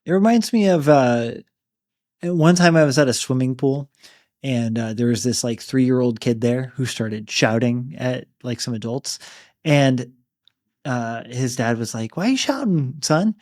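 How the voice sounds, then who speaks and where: A man co-hosting a casual book discussion. He talks in a relaxed, rambling way, full of fillers and easy laughter, at a middle pitch. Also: a little slow. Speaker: book podcast co-host.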